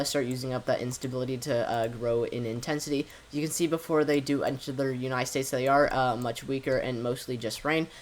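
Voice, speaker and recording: Guy doing a homemade weather forecast, lots of uh's, stops and restarts, steady mid voice. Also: mid-range voice. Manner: hesitant, frequent "uh" fillers and self-corrections. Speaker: amateur weather forecaster, channel host. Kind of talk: weather forecast over model maps.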